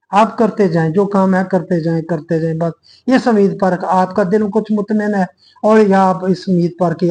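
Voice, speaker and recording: A man with a Pakistani Urdu accent gives a sermon-style lecture in a fairly high voice. He speaks earnestly, addressing his listeners as brothers and reasoning aloud, restarting sentences as he explains. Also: a little mellow, rough recording. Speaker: religious speaker.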